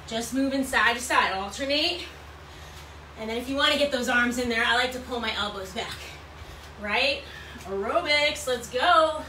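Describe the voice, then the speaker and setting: A woman's voice: high-pitched, bright, forceful tone. A woman in her thirties working as an aerobics instructor, calling out moves and counts with repetitive, encouraging cues while she exercises. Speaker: fitness instructor leading a workout. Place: small bright room at home, indoors. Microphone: camera or phone several feet away. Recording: roomy, distant mic, clear background noise.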